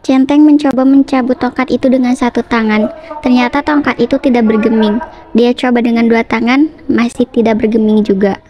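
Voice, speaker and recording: Woman reading a folk tale, steady, kinda high, pretty flat tone. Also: fairly quick, muffled recording. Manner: steady storytelling. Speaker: narrator. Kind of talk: reading a folk legend aloud.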